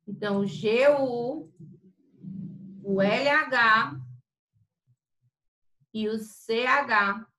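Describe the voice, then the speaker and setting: A woman teacher giving a grammar lesson, spelling out sounds slowly and then explaining quickly. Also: a little high, fairly bright tone, roomy sound, rough recording.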